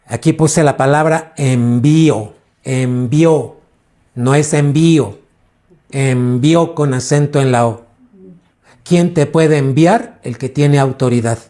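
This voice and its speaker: A pastor teaching a sermon in a slow, deliberate way. His voice is dark and mellow. He stretches key words and throws questions at the congregation. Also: on the high side. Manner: preaching with questions to the congregation, drawn-out emphasis.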